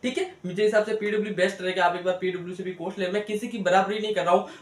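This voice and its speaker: A man's voice: sits high, steady tone, very fast. A young man, a biology educator, giving casual, earnest coaching advice to students, repeating points and talking straight to them. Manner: chatty and earnest, repeats himself, direct address. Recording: echoey room.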